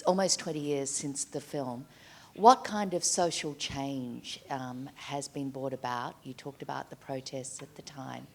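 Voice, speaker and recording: A woman's voice: a bass voice, slight background noise. A woman journalist putting a polite, formal question to a speaker at a public discussion.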